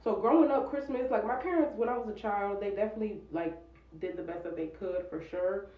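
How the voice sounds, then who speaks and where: A woman's voice: mid-range voice, brisk, recorded from a distance. A woman in her twenties telling a personal story in candid, casual chat, full of "like" fillers. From United States. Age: 20s. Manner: candid, chatty, many "like" fillers. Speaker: vlogger. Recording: roomy dull sound from off-mic.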